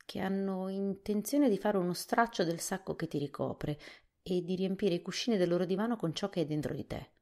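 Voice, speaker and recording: A woman's voice: mid-range voice, fairly quick, dark tone, pitched above the performer's own voice, lightly acted. Woman voicing an earnest young boy. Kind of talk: soft-voice storybook reading.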